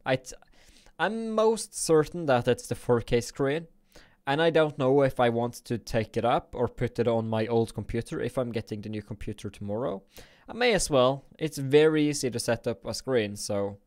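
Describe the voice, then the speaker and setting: A young man from Norway, thinking aloud and grumbling playfully while live-streaming a game at his home computer on a boom-arm desk mic. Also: a little mellow. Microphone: desk microphone on a boom arm.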